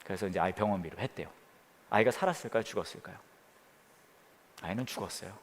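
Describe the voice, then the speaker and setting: A man preaching as a pastor, telling a story with quoted voices and dropping to a hush near the prayer. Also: fairly low pitch, quick pace, big-room sound. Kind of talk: sermon. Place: church during the pandemic.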